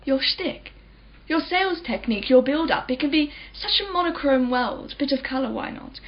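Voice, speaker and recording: An actress uses a high, animated voice at a moderate pace to play a rich, articulate woman in her forties for a radio drama. Her character is polite, confident and breezily chatty. A faint crowd can be heard behind her in the somewhat dull recording.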